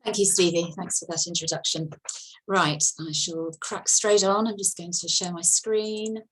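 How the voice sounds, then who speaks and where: Brisk woman starting a conference talk. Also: fairly low pitch, fairly even intonation, a bit bright, slightly rough, low-quality recording. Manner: brisk, informal. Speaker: invited speaker, psychiatrist. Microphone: video call.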